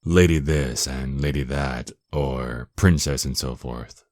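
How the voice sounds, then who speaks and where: A man playing a dominant, seductive, menacing male vampire lord in an ASMR roleplay, with a very deep voice and a possessive, taunting, mock-tender manner. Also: takes it slowly, darkish tone, dry recording, studio quality. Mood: haughty, commanding. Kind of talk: ASMR roleplay, intimate scripted monologue.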